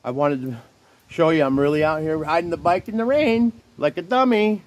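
A man in his fifties vlogging from his bicycle in the rain, talking into his phone in an earnest, rough-spoken ramble full of restarts. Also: a little high, normal speed. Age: 50s. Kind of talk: rambling religious talk to camera. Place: outdoors, riding a bicycle in the rain. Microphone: phone held while riding. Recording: wind noise and rain hitting the phone mic.

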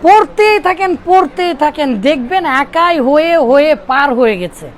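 A man's voice: extremely high pitch, animated, measured pace, a little hiss or hum. A man from Bangladesh teaching Arabic grammar to a classroom of pupils, drilling and repeating phrases for them to echo.

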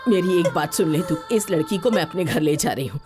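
A woman's voice: sits low, lively intonation, brisk, over loud music. An actress dubbing a scolding, kind-hearted old village grandmother, who talks in a protective way. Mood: tender. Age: older.

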